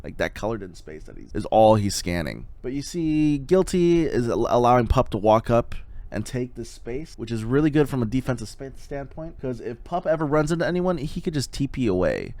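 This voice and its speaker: A man talking through replays of a competitive shooter match in casual, lively analysis. His pitch rises and falls a lot as he points things out. He swears now and then. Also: brisk, no room sound. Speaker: esports analyst. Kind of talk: casual game analysis commentary.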